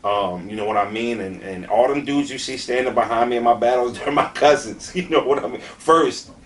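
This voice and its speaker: With a mid-range voice and a slightly quick pace, a Philadelphia-accented man from Southeastern Pennsylvania, in his late twenties, answers interview questions as a battle rapper. He's blunt and forceful, circling back on points, full of slang and curses, recorded on a far-off mic with faint noise behind him.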